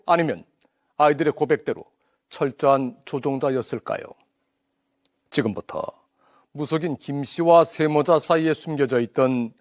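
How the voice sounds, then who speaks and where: A man giving measured, suspenseful scripted narration for a documentary. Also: fairly high pitch, no room sound, studio quality. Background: music.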